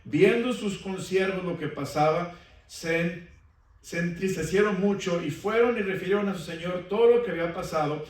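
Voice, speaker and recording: A man's voice: high voice, normal speed. A male pastor preaching a sermon in a church, asking the congregation questions for them to answer back. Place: church sanctuary. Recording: echoey church from far off.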